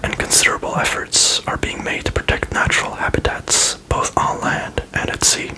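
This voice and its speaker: A man reading aloud in a breathy ASMR whisper, with casual asides. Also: moderate pace, rough recording.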